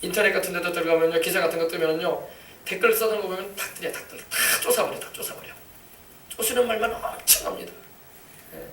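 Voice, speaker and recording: High-voiced, fast-preaching pastor. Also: male voice. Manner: emphatic, repetitive preaching with congregation responses. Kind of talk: sermon. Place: church sanctuary. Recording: echoey church, mic far off.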